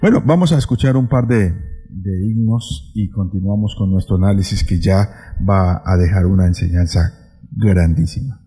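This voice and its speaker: A man's voice: low voice, normal speed, mellow, breathy edge, in a large hall. A man teaching a Bible lesson, speaking unhurriedly with fillers and repeating phrases for emphasis. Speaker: preacher.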